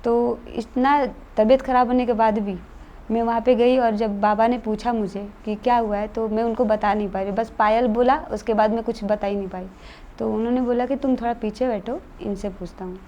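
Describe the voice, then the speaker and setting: A woman's voice: a little high, fairly even intonation, moderate pace, dark tone, slight background noise. A woman telling an interviewer about something that happened to her, in an earnest, matter-of-fact conversational way. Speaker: guest telling a true experience. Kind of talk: casual interview storytelling.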